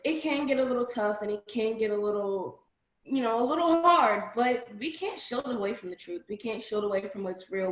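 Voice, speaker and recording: A teenage girl, a high school student, answering a panel interview in a direct, insistent and earnest way. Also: a bit bright. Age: teens. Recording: echoey room.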